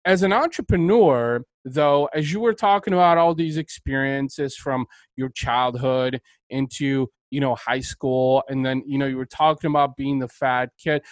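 The interviewer here is a man from Bulgaria hosting a podcast, talking with enthusiasm and a motivational drive. He has a mid-range voice and a moderate pace, heard in a dry recording with poor audio.

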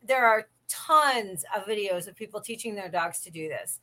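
A woman chatting casually as a co-host, enthusiastic and quick to interject. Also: medium pitch, expressive, pushed and bright. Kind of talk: casual chat.

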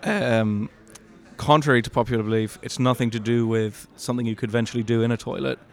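A man's voice: medium pitch, steady tone, brisk, creaky. A man co-hosting a podcast, telling stories in a wry, hesitant way full of filler words. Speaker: podcast co-host. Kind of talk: casual chat.

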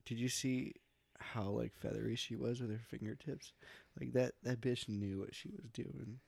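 A man's voice: medium pitch, steady tone, normal speed, vocal fry, darkish tone, husky, no echo. A young man co-hosting a podcast, teasing his friends with crude jokes in casual chat. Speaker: podcast co-host. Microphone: studio podcast mic.

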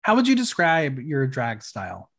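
A man's voice: mid-range voice, wildly swooping pitch, normal speed, fairly bright tone. A man hosting an interview, asking questions and giving brief affirming interjections. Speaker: podcast host, interviewer.

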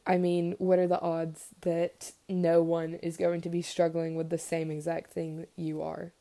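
A young woman chatting as a podcast guest, gushing and warm in what she says, with many fillers and little laughs. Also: on the low side, monotone, unhurried. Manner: gushing, lots of fillers and giggles. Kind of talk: casual podcast chat.

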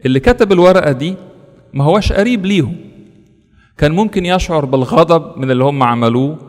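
A man's voice: fairly high pitch, big-room sound. A man with an Egyptian Arabic accent, a priest giving an earnest sermon that is full of rhetorical questions and lists.

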